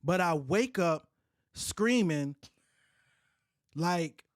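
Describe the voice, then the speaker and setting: A woman's voice: on the low side, very slow, no room sound, clean studio sound. A woman hosting a podcast, telling a wild story in casual chat, swearing freely and laughing partway through. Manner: profane, animated storyteller who laughs mid-story. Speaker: podcast host.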